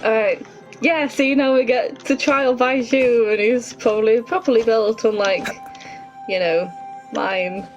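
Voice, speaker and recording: A woman streamer narrates her play in a chatty, easygoing manner, musing aloud and reacting with expression. Her voice is fairly high with fairly even intonation and a slightly slow pace, set against faint game music in a slightly dull recording.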